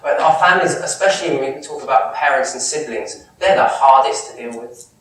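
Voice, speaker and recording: A Kent man in his thirties with a southern English accent fields audience questions after an Islamic talk, lively and conversational. His mid-range voice is brisk; he gestures a lot and restarts phrases. The far camera mic captures him from a distance in an echoey lecture room.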